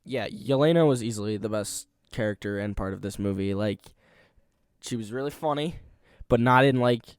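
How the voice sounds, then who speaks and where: A man co-hosting a casual movie review podcast, talking in a rambling, animated way with lots of fillers, close to the mic. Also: lowish voice, normal speed, smooth, dry recording. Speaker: podcast co-host.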